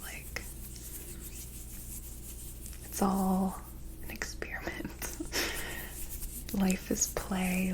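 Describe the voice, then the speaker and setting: Whispering in an airy, breathy voice, a woman role-plays an ASMR energy healer with a gentle, soothing, mystical manner. Her voice is mid-range, and the recording is low quality.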